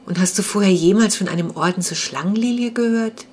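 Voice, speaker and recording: A woman's voice: mid-range voice, a little fast, a little mellow, slight background noise, close to an everyday voice. A woman reading the lines of a puzzled, anxious mother in a storybook. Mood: bewildered. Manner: bewildered and impatient.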